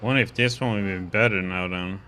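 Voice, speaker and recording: A man's voice: low voice, brisk, bright, forceful tone, a little hiss or hum. A man giving casual gameplay commentary, musing aloud to himself as he plays. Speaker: gamer playing through a mission.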